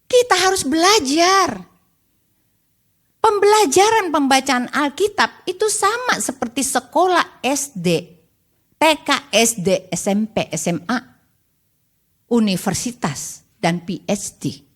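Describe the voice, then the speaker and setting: An older woman preacher delivers a church sermon in a high, bright voice. Her pitch leaps and swoops all the time. She keeps pressing her listeners with rhetorical questions. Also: slow. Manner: animated, rhetorical questions to the congregation. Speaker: evangelist preacher. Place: church service.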